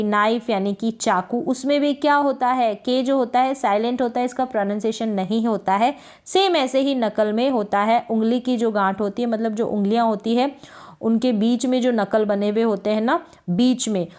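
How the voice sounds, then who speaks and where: A woman's voice: a little high, a little mellow. A woman teaching English spelling, sounding out words letter by letter and repeating them for learners. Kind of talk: spelling lesson.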